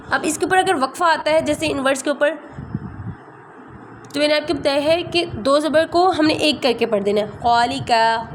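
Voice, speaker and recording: A woman teaching a tajweed lesson, patiently repeating letter sounds slowly and checking that students follow. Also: sits high, a little hiss or hum. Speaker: Quran recitation teacher.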